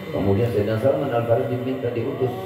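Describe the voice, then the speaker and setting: A man preaching a storytelling sermon, animated, raising his voice high to act out the characters. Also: fast, crowd noise. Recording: distant echoey hall, dull sound.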